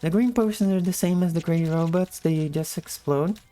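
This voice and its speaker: Woman, low-pitched, sleepy just-woke-up morning voice, mellow tone, casual game guide commentary, music behind. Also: normal speed. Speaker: video game guide narrator. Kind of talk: casual gameplay commentary and tutorial.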